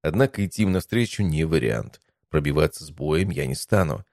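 A man narrating a first-person audiobook in an even, measured reading. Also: extremely low pitch, vocal fry, dry recording, clean studio sound.

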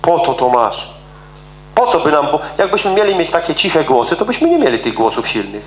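Middle-aged male preacher, emphatic, repeats key words; slightly higher voice, echoey church hall. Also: sing-song. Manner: emphatic, repeats words for stress, swings from fast to slow. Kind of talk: sermon.

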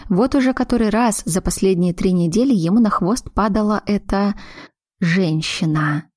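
A woman narrating a novel with an even, storytelling delivery. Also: medium pitch, normal speed, no room sound, studio quality. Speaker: audiobook narrator. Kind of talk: scripted narration.

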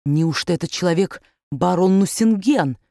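A woman's voice: fairly low pitch, animated, moderate pace, warm tone, no room sound, studio quality. A woman voicing an earnest, imploring young maid.

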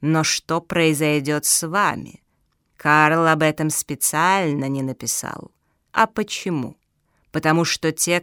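A woman voicing an evil, purring, bass-voiced spirit in an audiobook, slow and taunting. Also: a bit bright, clear, resonant tone, no room sound, clean studio sound. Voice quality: low, purring, menacing. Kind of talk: audiobook reading.

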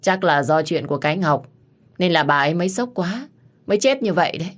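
A woman narrator voicing a nosy neighbor who gossips loudly in an audio story. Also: on the low side, animated, brisk. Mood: gossiping. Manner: loud, pointed gossip. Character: nosy, spiteful village neighbor.

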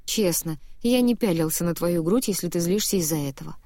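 A cocky young man trading mocking banter with his friend, voiced by a woman narrator. He keeps a smirk in every line, in a warm, mellow tone. The sound is close and dry, like a storybook audiobook. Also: fairly low pitch, brisk, no echo, natural voice. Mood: teasing.

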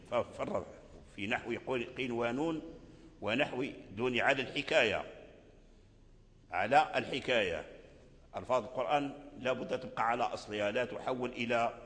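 Man, Moroccan accent, Quran recitation teacher, explains step by step, chants slow examples, long hall reverb. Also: lowish voice, fairly bright tone. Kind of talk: tajweed lesson.

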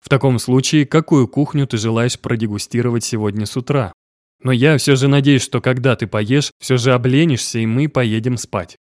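A man's voice: mid-range voice, normal speed, a little mellow, no room sound, studio quality, lightly acted. A male narrator voicing a wealthy young male boss who grumbles and then teases coolly. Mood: teasing. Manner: cool, grumbling, teasing.

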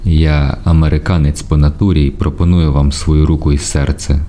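A man voicing a masked male robber who talks slowly with mocking, overly polite courtesy. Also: very deep voice, little pitch movement, mellow, slight background noise.

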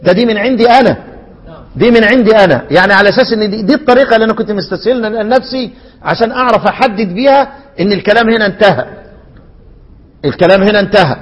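A man's voice: high-pitched, husky, big-room sound. Egyptian sheikh quizzing his students. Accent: Egyptian Arabic. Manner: asks questions and lets students fill in the answer; chants the verses slowly. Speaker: Quran recitation teacher. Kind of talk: classroom lesson on a recitation poem.

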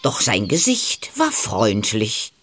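A woman narrating a fairy tale in a calm, expressive storytelling voice. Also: extremely low pitch, slow pace, faint music behind.

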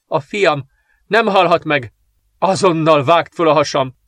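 A man's voice: fairly high pitch, fairly even intonation, fairly bright tone, dry recording, voice pushed up. A man voicing a young princess in the pain of childbirth, pleading and anguished, in a storybook reading. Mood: commanding. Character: desperate young princess in labor.

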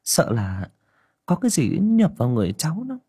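A man voicing a worried younger village woman who talks in a hushed, confiding way. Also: a little high, huge pitch swings, husky, no room sound, clean studio sound, pitched above the performer's own voice, heavily acted. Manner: hushed, rushing whisper, anxious.

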